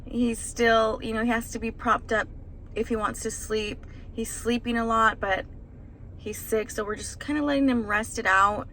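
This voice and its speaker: A young woman speaks in a bright, fairly high voice, retelling events to the camera in a stressed, shaken ramble full of fillers. She talks like a new mother vlogging casually, with a faint hum of ambience behind her. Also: steady tone, moderate pace, low-quality recording. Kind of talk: casual vlog storytelling.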